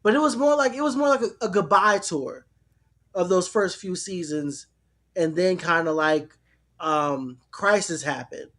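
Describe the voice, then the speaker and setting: Relaxed man chatting reflectively. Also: high voice, unhurried. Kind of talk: casual chat.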